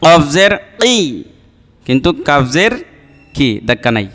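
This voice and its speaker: A man's voice: a little high, animated, measured pace, a bit bright, in a large hall, faint music behind. A man teaching Arabic letter pronunciation for Quran reading, repeating each sound and explaining patiently. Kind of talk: slow step-by-step pronunciation lesson.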